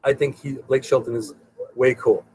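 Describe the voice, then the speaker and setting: A man's voice: medium pitch, steady tone, moderate pace, a little mellow, slightly rough, rough recording. A middle-aged man hosting a live show in a casual, rambling way, often repeating his words. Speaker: host. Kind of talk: casual live-stream talk.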